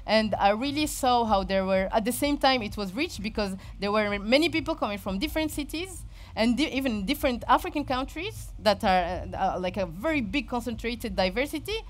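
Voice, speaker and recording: A woman's voice: fairly high pitch, expressive, a little hiss or hum. Moroccan accented woman giving a loose talk, lots of stop and start, hunting for words. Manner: halting, searching for words, frequent repetition. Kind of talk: informal spoken presentation.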